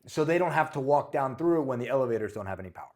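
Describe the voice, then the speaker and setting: A man's voice: mid-range voice, lively intonation, racing, darkish tone. A man hosting a real estate talk show, chatty and joking, often stumbling over his words. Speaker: talk show host, realtor. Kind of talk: casual talk show chat.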